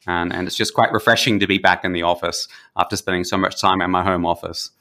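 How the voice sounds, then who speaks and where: A man's voice: low-pitched, flat delivery, fast, bright, forceful tone. A man in his forties with an Australian accent, talking as a podcast guest in a friendly conversational way, with frequent fillers and restarts. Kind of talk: conversational interview.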